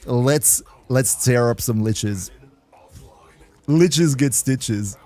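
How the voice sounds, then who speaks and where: Very slow and darkish, a mid-range male voice belongs to a young German livestream host with a German accent. He keeps a casual gaming stream going by chatting with viewers, reading the chat and responding, laughing often along the way.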